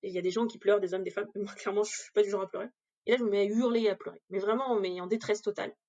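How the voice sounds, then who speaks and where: A woman's voice: medium pitch, steady tone, very fast, darkish tone, lo-fi sound. A woman giving a candid personal account in an interview, speaking directly and with emotion. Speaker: interview guest.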